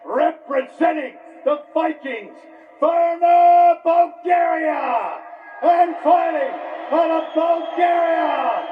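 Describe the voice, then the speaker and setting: A man announces fighters in a booming, drawn-out shout, stretching each name. His voice sits very high and moves slowly. It comes over an echoey arena PA, heard from afar and slightly dull, with a faint crowd behind. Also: far from the mic, noisy background. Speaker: ring announcer. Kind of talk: fight introductions.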